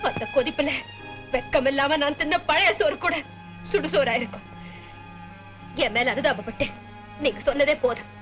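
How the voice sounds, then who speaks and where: A wounded young wife, played by a woman in an old film, restrained and bitter. Her high voice sits over faint music. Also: moderate pace, pauses often, natural voice. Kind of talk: 1970s film acting.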